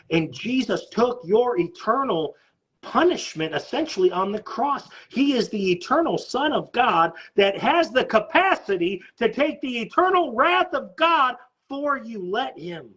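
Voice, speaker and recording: Urgent high-voiced man preaching a sermon. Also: expressive, measured pace, fairly bright tone, breathy edge. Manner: urgent, emphatic preaching with repeated words. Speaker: pastor.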